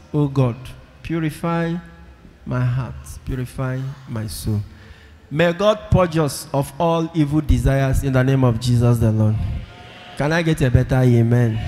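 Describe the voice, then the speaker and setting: Using a handheld mic, a priest with a slightly high voice delivers a sermon to the congregation of a large church. He speaks emphatically, repeats key phrases, and invites the audience to respond, all under a long church reverb.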